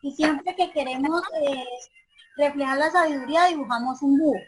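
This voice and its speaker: Woman teacher in an online class, high voice, keeps checking in with students. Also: normal speed, a little hiss or hum, poor audio. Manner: asks many questions, often ends with "¿cierto?".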